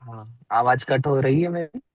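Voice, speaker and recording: A man's voice: medium pitch, no room sound, highs cut off. Man with a call line cutting out. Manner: brisk, quizzing questions. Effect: voice breaking up on a bad call line. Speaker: teacher quizzing a student. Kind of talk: mock oral exam on an online class.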